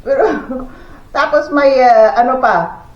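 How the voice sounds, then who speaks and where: A woman from the Philippines chats through a story in her home vlog, her voice sitting a little high. Her talk is loose and full of fillers and exclamations. The sound is roomy and somewhat dull, like a lo-fi home recording. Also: takes it slowly. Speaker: family vlogger. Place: at home, indoors. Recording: echoey room, dull lo-fi sound.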